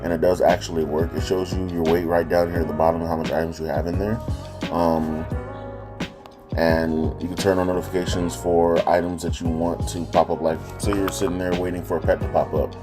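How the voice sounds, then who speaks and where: A man hosting a casual walkthrough of a game app, talking loosely with frequent ums and self-corrections, his voice captured as low-quality phone audio. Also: little pitch movement, a little fast. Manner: loose and chatty, frequent ums, corrects himself mid-sentence. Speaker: gaming channel host. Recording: low-quality phone recording with guitar music behind.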